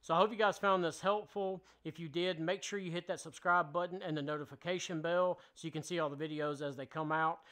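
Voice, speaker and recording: A man's voice: a little high, fairly even intonation, a little fast, hardly any pauses, fairly bright tone. A man in his thirties hosting a casual woodworking how-to, explaining each step plainly with a few fillers, in his home workshop. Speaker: woodworking channel host. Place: home woodworking shop, indoors.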